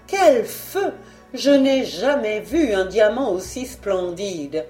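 Cold scheming villainess, dry and ironic, woman reading, mellow voice, faint music. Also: fairly high pitch, expressive, unhurried, roomy sound. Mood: icy.

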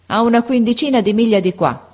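A woman's voice: on the high side, a little fast, a little mellow, voice pushed up, natural voice. Woman as a reassuring shopkeeper. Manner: reassuring, matter-of-fact. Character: kindly middle-aged male shopkeeper with glasses.

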